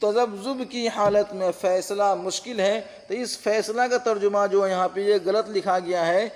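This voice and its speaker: A man's voice: high-pitched, fairly even intonation, normal speed, big-room sound. A man teaching an online exam-prep lesson on translation, patient, repeating terms and checking that listeners follow. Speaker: Urdu-Hindi translation teacher.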